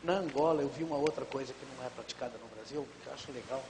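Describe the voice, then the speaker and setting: A pastor, calm and explanatory, often letting his sentences fade softly. His voice sits in a middle pitch for a man. The studio adds a long reverb tail and a faint hiss. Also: rapid-fire. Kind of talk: live TV studio talk.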